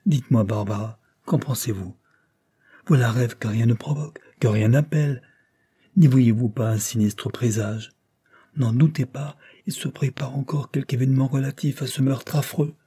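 A man reading aloud voices a sickly, anxious older woman who talks in a hushed, plaintive way. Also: medium pitch, normal speed, breathy edge, pitched above the performer's own voice, natural voice. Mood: fearful, plaintive. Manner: fearful, plaintive.

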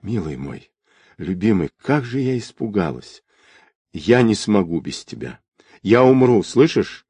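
Tearful young woman whispering, voiced by a male reader, soft and close. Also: medium pitch, sing-song, unhurried, no room sound, pitched above the performer's own voice. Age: young adult. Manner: whispering through tears.

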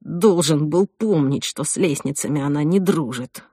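A woman reading an audiobook voices a shaken young groom, speaking low and haltingly. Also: darkish tone, dry recording, clean studio sound. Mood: guilty. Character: shaken young groom, guilt-ridden and soft-spoken.

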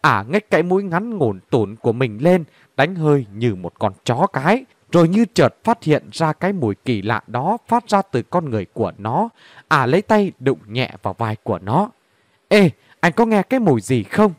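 A man narrating a story in an animated, dramatic way. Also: mid-range voice, normal speed, dry recording. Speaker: audiobook narrator.

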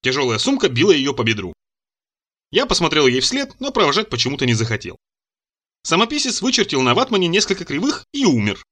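An expressive male narrator reading a satirical story aloud. His voice is bright and a little higher than most men's, and his intonation rises and falls in lively arcs. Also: brisk. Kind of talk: audiobook narration.

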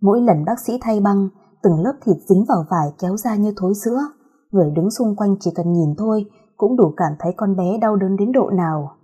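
A woman narrates a scripted horror story with a steady, suspenseful delivery. Her voice is mellow and dark-toned, with a soft husky edge, at an ordinary middle pitch. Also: fairly quick.

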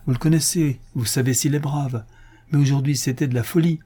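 A man's voice: medium pitch, fairly even intonation, a little fast, warm tone, pitched above the performer's own voice, natural voice. A man voicing a devoted young lieutenant, eager and emotional.

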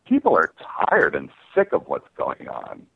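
Male interviewee, announcer-like with clear diction, animated delivery, narrow telephone-style recording. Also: very deep voice, measured pace, dry recording. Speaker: singer being interviewed. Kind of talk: conversational interview. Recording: narrow phone-like line.

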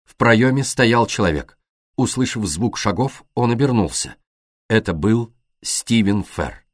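A man narrating an audiobook in a measured, expressive reading style. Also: on the low side, no echo, studio quality.

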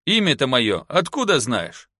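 A man voicing a ruthless male outlaw who talks curtly, gruffly and with threats. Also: mid-range voice, huge pitch swings, unhurried, pushed and bright, no room sound, clean studio sound, exaggerated voice. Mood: menacing.

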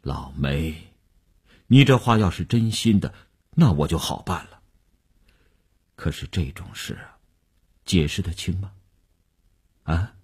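A shrewd middle-aged businessman in a radio story, played by a man. His voice is very deep and husky, and he talks in a slow, low, weighty way. His pitch climbs and falls widely as he presses his point. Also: sing-song, exaggerated voice. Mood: persuasive.

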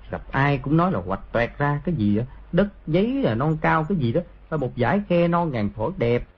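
A man voicing a cunning young schemer in an audiobook, plotting in a low, husky voice. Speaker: audiobook voice actor. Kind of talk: audiobook dialogue reading. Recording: dull lo-fi audio.

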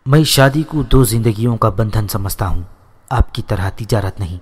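A resolute young son holding his ground against his angry father, as a male narrator puts him on. He speaks firmly and calmly at a middle pitch. His lines ring out with a long reverb. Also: lightly acted. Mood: defiant. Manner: firm, steady, unshaken. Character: defiant young man, landlord's son, calm and resolute.

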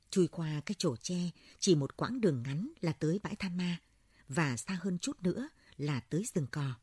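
A woman narrating a story as an audiobook, in a steady storytelling manner. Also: low-pitched, husky, no echo, studio quality.

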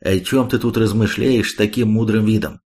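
A man's voice: fairly low pitch, fairly even intonation, normal speed, lightly acted. A man reading a sardonic, blunt warrior. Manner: sharp-tongued, mocking.

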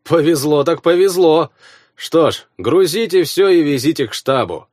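Gruff middle-aged baron, male reader, curt commands, lively pitch, dry audiobook sound. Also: normal speed, dry recording. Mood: commanding.

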